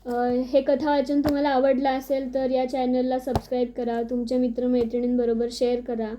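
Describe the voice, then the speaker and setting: A woman narrating an audio story in a steady, expressive storytelling manner. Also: high voice, moderate pace, slight background noise. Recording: dull lo-fi recording.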